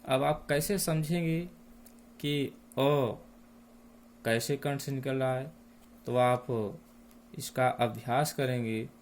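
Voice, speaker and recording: Slow, deliberate male teacher. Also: medium pitch, fairly even intonation, slight background noise. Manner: slow and deliberate, dwelling on each sound. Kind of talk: classroom lesson.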